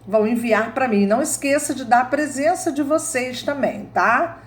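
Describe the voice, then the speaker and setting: A woman's voice: high voice, normal speed. A woman with a Brazilian accent who teaches an online grammar lesson, explaining each point step by step and checking in with her students after each one.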